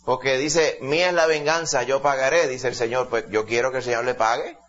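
A man's voice: medium pitch, brisk, a bit bright. A man preaching a sermon in an emphatic way, often calling his listeners brother. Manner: emphatic, keeps addressing listeners as "hermano". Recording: dull lo-fi recording.

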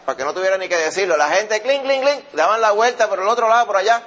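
Preacher man, lively delivery. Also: sits high, quick pace. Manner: lively storytelling preaching, acts out voices; addresses listeners often as brother. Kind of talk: sermon. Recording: dull lo-fi recording.

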